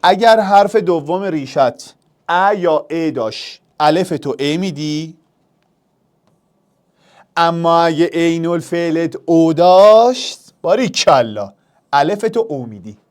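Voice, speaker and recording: A young man teaching an exam review lesson, animated and talking straight to the student with rhetorical questions. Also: a little high.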